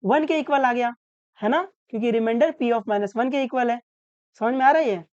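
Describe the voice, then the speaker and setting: A woman teaching maths step by step, asking questions and answering them herself, and slowly dictating each formula. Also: a little high, a little mellow, no echo. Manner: asks questions then answers them, often adds "isn't it?". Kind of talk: step-by-step lesson while writing. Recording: dull, muffled sound.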